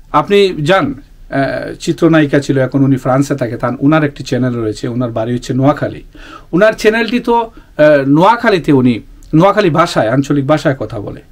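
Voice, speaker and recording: A man from the Sylhet region of Bangladesh hosting his own channel, talking earnestly to viewers in a casual monologue, pausing often with fillers and restarting his sentences. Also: medium pitch. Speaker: YouTube channel host.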